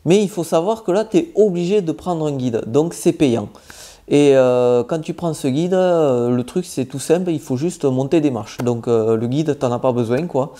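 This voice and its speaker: A travel vlogger from southwest France, with the region's accent, gives casual, informal travel tips straight to the viewer. His voice is a little high and dark-toned at a normal speed, and he hesitates a lot.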